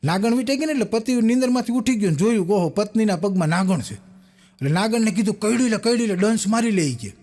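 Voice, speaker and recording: Brief: young man, high bright voice, stage comic doing characters in his jokes. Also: quick pace. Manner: animated storyteller acting out quoted characters. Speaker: stand-up comedian telling jokes. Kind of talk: Gujarati folk stage joke-telling. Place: live stage show with audience.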